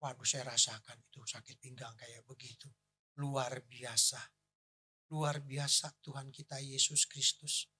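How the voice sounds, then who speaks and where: Man, pastor, bright forceful voice, animated joking sermon storytelling. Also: medium pitch, measured pace, breathy edge.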